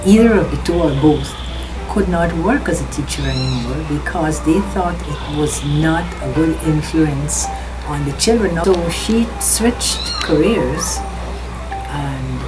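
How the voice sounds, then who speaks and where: A woman in her eighties with a Guyanese accent, recalling her family history in an interview with slow, careful pauses. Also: low-pitched, over music, low-quality recording. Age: 80s. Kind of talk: interview reminiscence.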